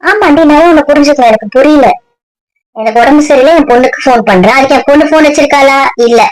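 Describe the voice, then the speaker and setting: A woman's voice: sits high, quick pace, lightly acted, poor audio. A woman playing a sick, resentful middle-aged mother who scolds bitterly in a scripted comedy skit. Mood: scolding.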